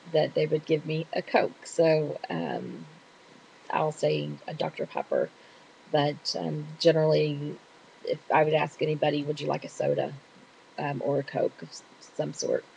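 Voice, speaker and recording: A woman's voice: low-pitched, vocal fry, mellow, muffled recording. A middle-aged woman with a Texas accent, chatting casually and rambling a little as she answers questions. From Texas, USA. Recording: hissy home recording.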